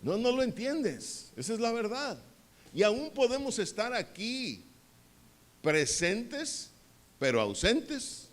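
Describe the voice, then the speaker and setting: A male pastor delivers a sermon in a church hall. His voice sits high, and his delivery is slow and deliberate. He keeps putting questions to the congregation and leans hard on the key words. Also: sing-song. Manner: asks the congregation questions and waits for answers; emphatic, rises on key words.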